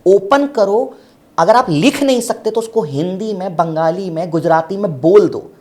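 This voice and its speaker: A man's voice: sits high, a little slow, a little mellow. Emphatic, instructive man on a podcast. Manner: emphatic, instructive, repeats points in lists. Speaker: podcast guest, business automation speaker. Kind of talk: casual podcast interview, advice.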